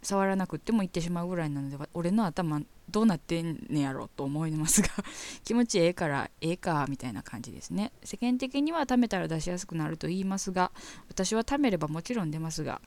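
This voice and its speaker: Giggly Kansai woman with a gravelly voice. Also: on the low side, lively intonation, fast, darkish tone. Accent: Kansai Japanese. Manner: giggly, bawdy and frank, laughs often. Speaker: radio host reading listener mail. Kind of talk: casual chat and reading letters aloud.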